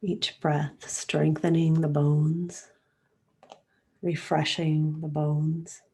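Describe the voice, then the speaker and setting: In a husky, low-pitched voice, a woman leads a calm, soothing meditation. She speaks gently and without hurry, breathing and pausing at length at the end of each phrase.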